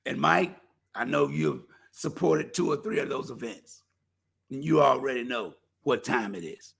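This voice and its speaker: A man alone on his community talk show casually plugs it in a folksy, preacherly way, delivering animated exhortation despite his failing voice. He talks a little slowly, with a medium pitch, vocal fry, and a slightly rough quality.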